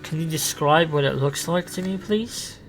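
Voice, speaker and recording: A man playing a curious, protective time-travelling alien guide in an improvised sci-fi roleplay, speaking in a halting, theatrical way. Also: fairly high pitch, slight background noise, natural voice. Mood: encouraging.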